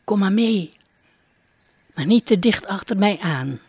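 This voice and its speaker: A woman reading a storybook aloud and voicing a young princess with a high, eager, playful voice. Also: lively intonation, measured pace, a little mellow, slightly rough, no echo. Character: young girlish princess, lively and bold.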